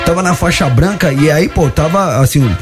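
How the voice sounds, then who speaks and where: A man hosting a radio talk show, telling stories in lively, slangy talk. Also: fairly high pitch, normal speed. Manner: animated, slangy, storytelling. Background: music bed.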